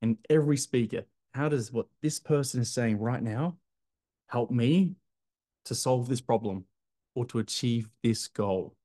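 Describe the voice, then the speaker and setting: A man in his thirties coaching clinic owners straight into the camera, punchy and emphatic, hands moving as he talks. His voice sits at a middle pitch with a dark, mellow tone. He is recorded close up in a bright room at home. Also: a little slow. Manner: energetic and emphatic, gestures a lot, addresses viewer as "my friend". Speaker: clinic business coach, video host. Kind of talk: direct-to-camera advice talk. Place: bright indoor apartment room by large windows.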